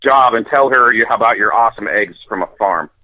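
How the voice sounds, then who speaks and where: A man's voice: lowish voice, brisk. Man chatting over a thin phone line. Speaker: podcast guest on a call. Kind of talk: casual profane chat.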